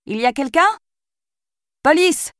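A woman voicing a determined female police sergeant who gives brisk orders and calls out loudly into a dark house, in a dry recording. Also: on the low side, expressive, dry recording, close to an everyday voice. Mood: calling out.

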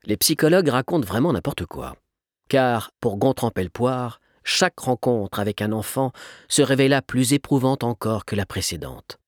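A man reading a story aloud as an audiobook narrator in an expressive, animated way. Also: medium pitch, moderate pace, no echo, clean studio sound.

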